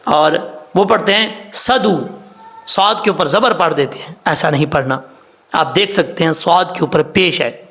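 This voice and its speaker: A man teaching Quran recitation rules, patiently explaining step by step, spelling out sounds slowly and repeating rules about common mistakes. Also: fairly high pitch, vocal fry, bright, forceful tone. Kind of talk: tajweed lesson.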